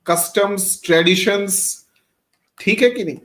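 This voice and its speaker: This Bihari lecturer, middle-aged, speaks in an unhurried, high-pitched voice with a fairly bright tone. Blending Hindi and English, he quizzes students by name and supplies the answers to his own rhetorical questions.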